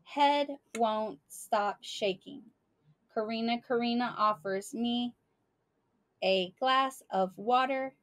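A woman reading a children's book aloud to listeners in an expressive, deliberate way. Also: a little high. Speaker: storyteller.

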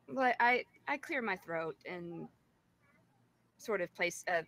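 Female tabletop player: mid-pitched, casual, hesitant, reasoning aloud. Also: expressive, extremely slow, fairly bright tone. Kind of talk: casual, thinking aloud in a role-playing game.

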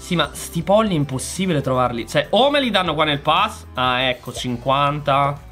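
A man hosting a casual gameplay video, talking excitably and straight to his viewers while his voice goes a little hoarse. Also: a little high, normal speed, soft background music. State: voice going hoarse. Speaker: gaming channel host.

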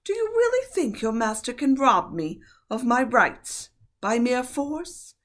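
A woman doing a shrill, cruel witch queen. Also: very animated, measured pace, fairly bright tone. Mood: menacing. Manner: shrill, sneering.

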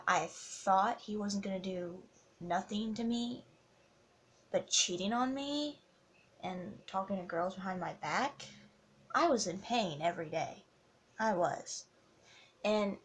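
A young woman talking to her viewers in an emotional confessional vlog, heartfelt and halting, close to tears. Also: medium pitch, a little hiss or hum. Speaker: vlogger.

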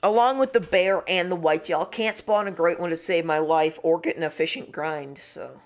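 A young man with a somewhat high voice streams a hunting game at a normal pace, chatting casually. His talk rambles and keeps interrupting itself, with restarts and audible frustration.

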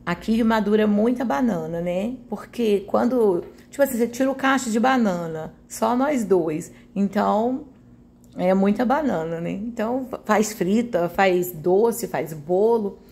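With a mid-range, slightly mellow voice, the host of a home cooking video talks unhurriedly through a recipe. She is Brazilian and keeps things casual and cozy, often checking in with small tag questions.

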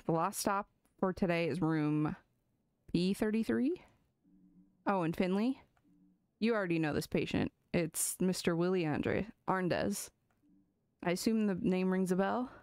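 Woman reading as a smug pigeon doctor in a game, low voice, dry sound, measured bedside talk. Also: a little mellow, clean tone, no room sound. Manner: formal, measured bedside manner. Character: pompous pigeon doctor, formal and self-satisfied.

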